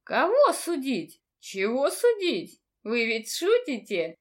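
A woman voicing a shifty male teacher who protests in a high, nervous voice. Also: big pitch swings, slow pace, heavily acted. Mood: defensive.

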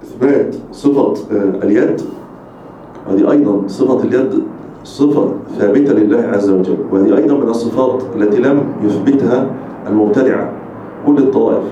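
Fast-talking sheikh, echoey and far. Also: male voice, medium pitch, dark tone, a little hiss or hum. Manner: explanatory, emphatic, restating points. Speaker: sheikh teaching a religious text. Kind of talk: religious lecture. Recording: echoey, distant, dull lecture recording.

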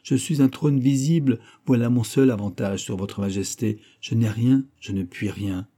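A man's voice: mid-range voice, normal speed, dark tone, lightly acted. A man voicing a bitter, powerless young king of 22, declaiming with rising indignation.

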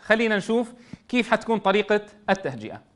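Middle-aged male teacher, high voice, sing-song syllable drills. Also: very animated, a bit bright, a little hiss or hum. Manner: drawn-out sing-song spelling, fast explanations between. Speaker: Quran reading teacher. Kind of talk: classroom phonics lesson, spelling syllables aloud.

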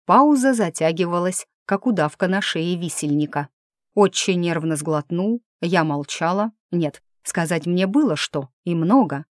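A woman's voice: on the low side, animated, a little slow, dry recording, clean studio sound. A woman narrating a first-person audiobook in a wry, ironic manner.

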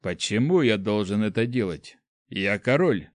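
A man's voice: lowish voice, expressive, unhurried, no echo, studio quality. A man voicing an arrogant young prince who roars and spits contempt in an audiobook. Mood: furious. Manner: roaring, spitting contempt. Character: enraged young male prince, arrogant and wounded.

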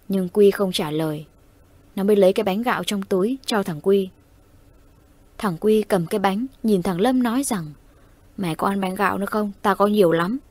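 A woman narrating a horror audio story in a steady, suspenseful way. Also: mid-range voice, no room sound.

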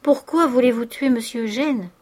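A woman reading an audiobook voices a timid, gentle young woman who pleads anxiously. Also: fairly high pitch, moderate pace, voice pushed up, close to an everyday voice.

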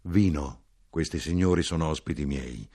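A man's voice: extremely low pitch, normal speed, darkish tone. A man reading an audiobook, voicing a courteous, formal male companion.

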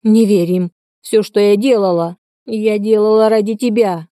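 A woman's voice: fairly even intonation, normal speed, mellow, dry recording, clean studio sound, lightly acted. A woman voicing an unhinged middle-aged woman in an audiobook, screeching and clinging. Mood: desperate. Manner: shrill, screeching.

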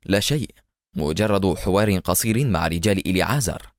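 A man's voice: sits low, animated, a little fast, no echo, clean studio sound. A man voicing a stern, fearless action hero who speaks coldly and mockingly in a storybook reading.

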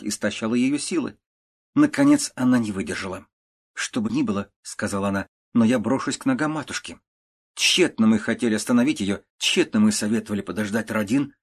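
A man narrating a classic prose story in a measured, even audiobook reading. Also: lowish voice.

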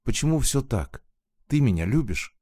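A man voicing a tearful young woman who is torn and desperate, in a soft, pleading read. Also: medium pitch, sing-song, normal speed, husky, no echo, studio quality, voice pushed up.

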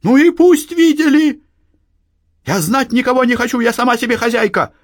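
Guy doing a defiant young village woman, high voice, snappy comebacks. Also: sing-song, a little slow, dry recording, studio quality. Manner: sharp, mocking retorts. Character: defiant young married peasant woman, sharp-tongued. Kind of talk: audiobook reading.

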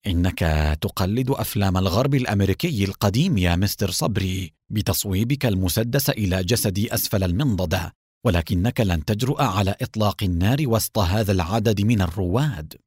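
Brief: a sly, smooth-talking male villain, low-pitched, voiced by a male narrator. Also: brisk, darkish tone, no room sound, studio quality.

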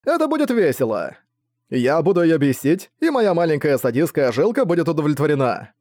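A man's voice: a little high, very animated, brisk, darkish tone, no echo, clean studio sound, pitched above the performer's own voice. A man voicing a cocky male ex-villain who is smug, flirty and mocking. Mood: teasing.

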